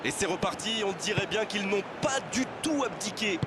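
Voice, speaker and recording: A man playing an excitable football match commentator, calling play in short exclamatory bursts of excited sports commentary. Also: high-pitched, normal speed, very noisy.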